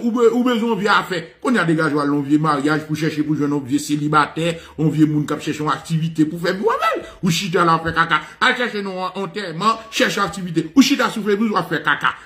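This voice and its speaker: A man with a Haitian accent giving an animated, ranting commentary, switching between languages, swearing and laughing. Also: high voice. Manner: ranting, mixing Creole, French and English, with profanity and laughs.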